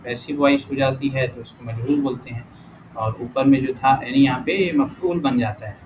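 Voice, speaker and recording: During an informal language lesson, a medium-pitched male teacher works the exercises out loud, often stopping to correct himself and reading example words slowly. Clear background noise accompanies him.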